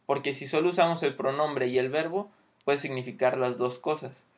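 A man's voice: medium pitch, steady tone, normal speed. A man teaching English grammar, explaining patiently and checking in often.

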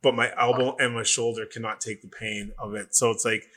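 A middle-aged man from Canada, a personal trainer telling stories in casual podcast talk, animated and profane. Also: medium pitch, a little fast.

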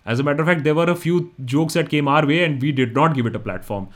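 A man's voice: on the high side, fast. A man with an Indian accent hosting a casual audience Q&A, talking conversationally and switching between English and Hindi. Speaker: host. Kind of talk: casual live audience Q&A talk.

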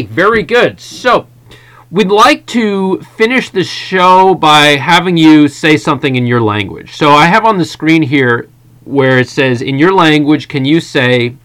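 Casting: American-accented male podcast host, lightly high register, casual interviewing. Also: a bit bright. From United States.

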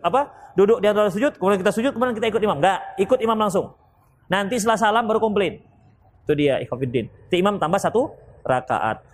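A man from Indonesia teaching an Islamic study session and answering audience questions, lively and playful as he acts out short exchanges. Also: high voice. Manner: lively, mimics people in quick asides, laughs along. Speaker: ustadz giving a religious study session.

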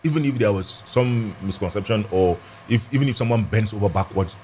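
A man's voice: fairly low pitch, brisk, warm tone, slight background noise. A man with a Nigerian accent giving an emphatic, argumentative legal commentary in a discussion, repeating phrases for stress. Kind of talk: animated political and legal discussion.

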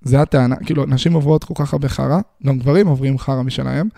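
A young man delivers a casual, rambling monologue to his listeners, stumbling through restarts and firing rhetorical questions. His voice is gravelly and dark. It sits close and dry on the mic. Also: medium pitch, fairly even intonation, no room sound. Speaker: social commentator.

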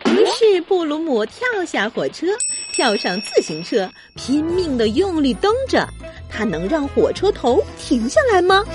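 A woman reads a children's story aloud in a high, sing-song voice that rises and falls with every turn. Music plays softly under her narration. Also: measured pace. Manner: lively, expressive narration. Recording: music playing behind.

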